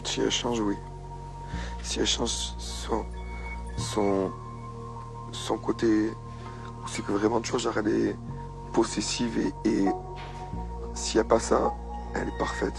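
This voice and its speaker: Low, gravelly young man, flat delivery. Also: unhurried, pauses often. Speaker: reality show contestant. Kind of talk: casual confiding talk. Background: music bed.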